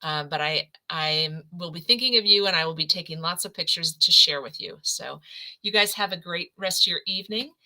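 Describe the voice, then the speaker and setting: A woman's voice: fairly low pitch, moderate pace, bright, forceful tone, low-quality recording. A middle-aged woman hosting a live scrapbooking stream, demonstrating crafts in a chatty, effusive way and greeting viewers by name. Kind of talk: casual livestream craft demo.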